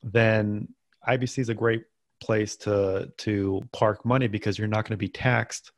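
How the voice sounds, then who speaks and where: A man's voice: fairly low pitch, steady tone, a little slow, no room sound. A man co-hosting a finance podcast, chatting casually with dry sarcastic asides and plenty of ums. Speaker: podcast co-host.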